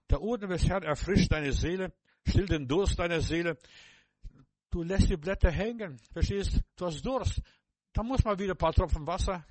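Older man, sermon, fervent, repetitive, slightly high voice, dry recording. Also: dry recording. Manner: fervent, repetitive, addresses listener directly. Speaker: preacher.

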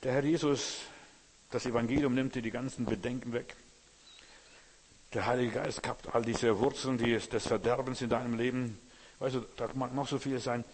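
A man's voice: medium pitch, fairly even intonation, moderate pace. Fervent preacher man in a reverberant hall. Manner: fervent, addresses listener directly, repeats phrases. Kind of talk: sermon.

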